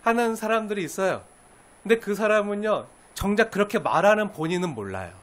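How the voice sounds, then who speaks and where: A man preaching a sermon as pastor, explaining a scripture passage in a lively way and acting out little quoted lines with chuckles. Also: sits high, fairly quick. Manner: animated, acts out quoted lines with laughter.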